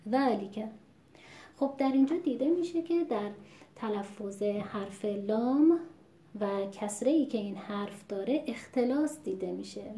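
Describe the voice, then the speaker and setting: A woman gives a recitation lesson in a patient, explanatory way, pausing to model words slowly. Her voice sits a little high and sounds mellow. The room adds a noticeable echo. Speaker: Quran recitation teacher. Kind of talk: spoken tutorial with recited examples. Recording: echoey room.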